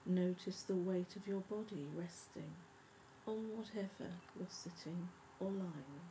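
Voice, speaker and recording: A woman leading a guided breathing meditation in a soft, soothing, measured spa voice that often trails toward a whisper. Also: fairly low pitch, low-quality recording. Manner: measured, instructive. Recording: faint background noise and ambience.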